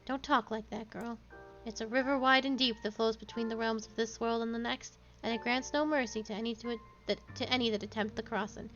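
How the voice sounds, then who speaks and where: A woman's voice: on the high side, steady tone, fairly quick, fairly bright tone, highs cut off, soft background music, close to an everyday voice. A woman voicing a small, fierce old grandmother with a vulgar, blunt way of talking. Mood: stern. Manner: coarse, blunt, snarling threats.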